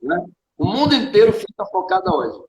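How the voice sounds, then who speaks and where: A man's voice: sits high, big pitch swings, moderate pace. A man with a Brazilian accent preaching in a conversation, emphatic, asking rhetorical questions and answering them himself. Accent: Brazilian Portuguese. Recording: echoey room with faint noise.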